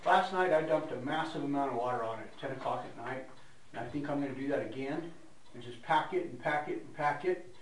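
A man's voice: mid-range voice, fairly quick. A man giving an informal, rambling report at a meeting, with frequent restarts and fillers. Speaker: staff member reporting at a meeting. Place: meeting room. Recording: echoey room, distant mic, background noise.

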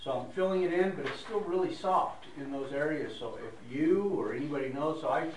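A man talks through a meeting report in a loose, rambling way, often restarting his sentences. He sounds far from the microphone in an echoey room, with steady background noise under his voice. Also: a little high, brisk. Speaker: staff member reporting at a meeting.

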